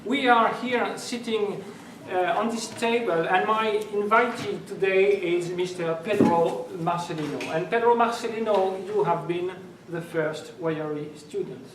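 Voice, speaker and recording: High-voiced man hosting a live radio interview. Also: slight background noise. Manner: formal, announcer-like questioning. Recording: echoey room, voice from a distance.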